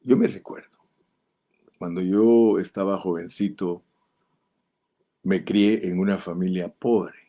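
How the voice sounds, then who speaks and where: Older Guatemalan man preaching, mellow low voice. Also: fairly even intonation, slow pace, pauses often. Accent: Guatemalan Spanish. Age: 70s. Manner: folksy storytelling, rising to impassioned appeals. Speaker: pastor. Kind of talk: sermon.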